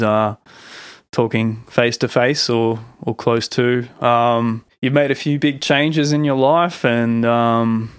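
A man's voice: medium pitch, smooth, no room sound, clean studio sound. A man hosting a podcast, chatting in a laid-back, informal way. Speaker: podcast host, musician. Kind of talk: casual chat.

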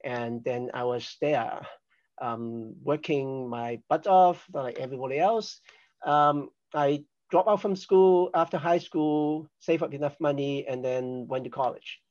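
A man's voice: medium pitch, unhurried, a little mellow, lo-fi sound. An older man from Hong Kong, a podcast guest, explaining risk assessment in a chatty, self-deprecating way. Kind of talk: conversational interview.

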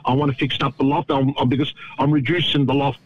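A man's voice: mid-range voice, little pitch movement, fast, slight background noise. A middle-aged Australian man chatting casually in a plain-spoken, rambling, matey tradesman manner, often dropping in "you know". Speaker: guest, veteran pigeon racer. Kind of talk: casual phone-in chat. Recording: dull, lo-fi radio interview audio.

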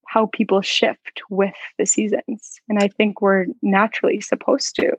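A woman's voice: medium pitch, flat delivery, moderate pace, slightly rough, no echo, low-quality recording. A woman guest on a podcast, talking casually and reflectively, with many filler words. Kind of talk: casual conversation.

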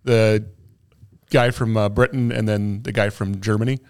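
A man's voice: fairly low pitch, steady tone, moderate pace, a little mellow. A man joining a casual podcast as the boss, telling a rambling story and losing track of details. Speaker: podcast guest co-host, boss.

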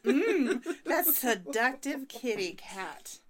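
A woman's voice: sits high, sing-song, slow pace. A woman co-hosting a podcast in casual, giggly, teasing banter. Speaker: podcast co-host. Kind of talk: casual chat.

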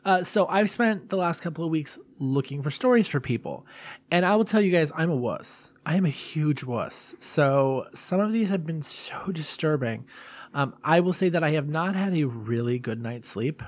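A man's voice: on the high side, expressive, normal speed. A man hosting a solo podcast in a casual, confessional way, rambling and self-deprecating. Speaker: podcast host.

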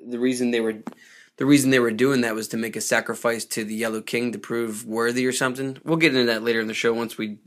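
A man hosting a casual podcast, rambling and animated as he recaps a TV episode. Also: mid-range voice. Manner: rambling, animated, does quick impressions of characters. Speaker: podcast host.

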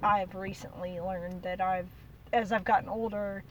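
A woman's voice: mid-range voice, steady tone, measured pace, highs cut off. Woman chatting earnestly in a car, sounds a bit far off, faint hiss behind. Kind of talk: casual chat. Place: parked car. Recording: distant mic with faint ambient noise.

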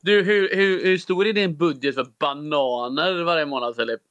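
Bright-voiced teasing male co-host. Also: a little high, clean tone, no echo, dull audio. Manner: teasing, joking. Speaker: podcast co-host. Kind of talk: casual chat.

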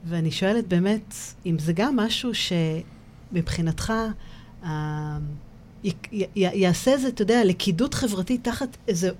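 Israeli woman hosting an interview, mid-pitched, hesitant phrasing, faint hiss behind her. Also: expressive, a little mellow. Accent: Israeli Hebrew. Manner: searching, many fillers while shaping questions.

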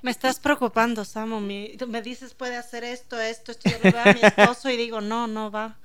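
A woman's voice: a little high, steady tone, a little fast, a crowd in the background. A woman hosting a podcast, chatting casually and sharing personal anecdotes. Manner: conversational, relates personal anecdotes.

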